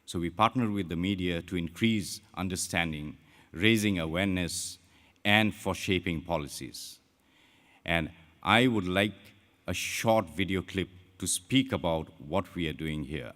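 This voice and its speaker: A man giving a formal conference presentation in a measured way, recorded in a conference hall. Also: low voice, a bit bright. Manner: measured, formal delivery with slips. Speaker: conference speaker. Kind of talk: plenary presentation. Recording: long hall reverb.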